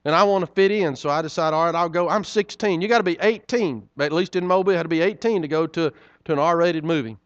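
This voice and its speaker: A middle-aged man preaches a sermon, telling stories in a folksy, conversational style and often turning aside to address the congregation. His voice is fairly high and quick, and the dull audio carries no echo.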